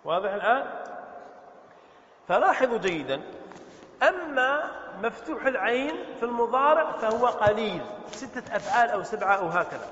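In a mosque hall, a man with a high, fairly bright voice teaches an Arabic grammar class, very animated as he drills verb forms and fires quick questions at students. The recording is muffled and echoey, with a long, roomy reverb.

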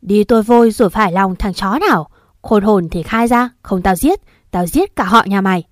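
A woman's voice: mid-range voice, moderate pace, no echo, studio quality, lightly acted. A woman voicing a drunk, abusive old husband who snarls vulgar threats in a storybook narration. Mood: furious.

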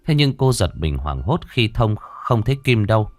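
Lively low-voiced man telling a horror story. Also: normal speed, no room sound. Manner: dramatic, expressive reading.

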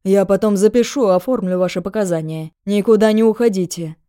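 A woman's voice: mid-range voice, fairly quick, warm tone, clear, resonant tone, dry recording, studio quality, lightly acted. Woman doing a stern police captain. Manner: stern, formal official phrasing. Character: stern male police captain, firm and official.

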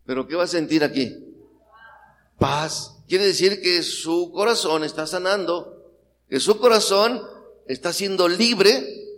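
A middle-aged Mexican man preaches a sermon in a church hall, rousing the congregation with questions, in a Mexican Spanish accent. His voice is high and fairly bright. The recording carries long hall reverb and faint noise.

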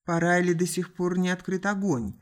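A woman voicing a determined male spaceship captain who speaks in a measured, earnest and insistent way. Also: on the low side, fairly even intonation, natural voice. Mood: grim.

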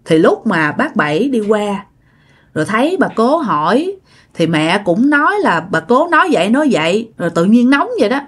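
A woman's voice: mid-range voice, big pitch swings, normal speed, breathy edge. A woman with a Southern Vietnamese accent narrating a ghost story in a chatty way, with filler phrases and asides to her listeners.

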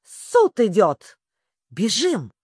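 Storybook griffin, male, fussy and grumbling, swooping pitch, slow, dry sound, as the reader puts him on. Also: dry recording. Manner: grumbling, excitable.

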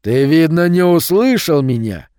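A man voicing a hulking teenage bully who drawls slow, loud, mocking threats. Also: a little high, very animated, smooth, no echo, clean studio sound, voice pushed up. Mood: menacing.

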